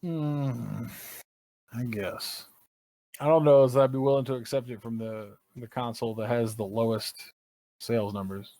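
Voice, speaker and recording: A man's voice: medium pitch, unhurried, no room sound. Opinionated, swearing man. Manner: animated, opinionated, swears often. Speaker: podcast co-host. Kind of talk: casual chat.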